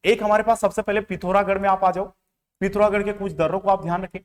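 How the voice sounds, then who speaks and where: A man's voice: sits high, little pitch movement, quick pace, smooth. A male teacher from Uttarakhand, with that region's Hindi accent, teaching exam students through a mnemonic story. He keeps asking questions and answering them himself, repeats key terms, and briefly acts out the characters. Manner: acts out little story voices. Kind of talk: exam-prep mnemonic lesson.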